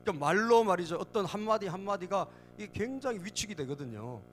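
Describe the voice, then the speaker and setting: A man's voice: high-pitched, expressive, fast talker, slight background noise. A middle-aged man preaching a sermon in a church, repeatedly prompting the congregation and acting out mocking voices. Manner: asks the congregation "예?" again and again; acts out mocking enemy voices. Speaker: pastor. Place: church sanctuary.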